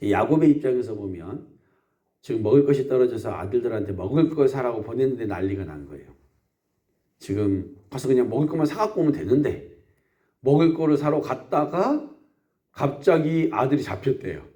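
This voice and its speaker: Lively male pastor preaching. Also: mid-range voice, brisk. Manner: animated, asks the congregation questions. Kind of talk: live dawn sermon. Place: small rural church.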